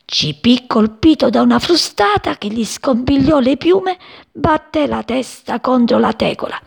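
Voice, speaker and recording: A woman reading a children's story aloud, expressive and voicing many characters. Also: high-pitched, unhurried, vocal fry, breathy edge.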